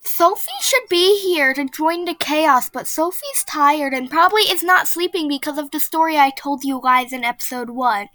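A high, bright-voiced woman hosts a casual podcast and reads a spooky story aloud. She is chatty and excitable and keeps breaking into giggles. Her voice sounds dry and close. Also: moderate pace, few pauses, no echo. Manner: giggly, often breaks into laughter. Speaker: podcast host.

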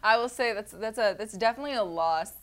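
A woman hosts a casual sports talk show with a bubbly, easygoing delivery. She often stumbles over a phrase and corrects herself mid-sentence. Her voice sits at an ordinary, mid-range pitch. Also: fast talker, fairly bright tone.

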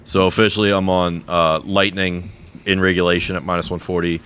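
Low-pitched man analyzing betting picks. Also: little pitch movement, fairly bright tone, clean tone. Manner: measured, explains picks with records and statistics. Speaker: sports betting show panelist. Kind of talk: casual sports analysis.

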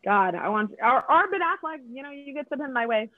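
A woman's voice: high voice, expressive, brisk, no echo. A woman in her forties chatting casually, crude, profane and self-mocking. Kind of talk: casual chat. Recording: dry, tinny phone-like line.

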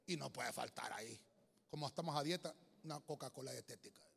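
A man's voice: mid-range voice, a little fast, creaky, a little hiss or hum. Man preaching in a reverberant hall. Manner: storytelling with humor, swings from loud to hushed. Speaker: pastor. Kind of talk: sermon. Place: church hall.

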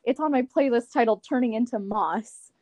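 A young woman telling friends an animated story in casual chat, swearing and acting out quotes. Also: on the high side, normal speed, no echo.

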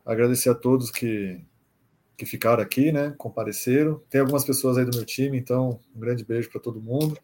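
A man with a Brazilian Portuguese accent speaking as a guest on a podcast, relaxed and reflective. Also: medium pitch, a little fast. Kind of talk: casual podcast chat.

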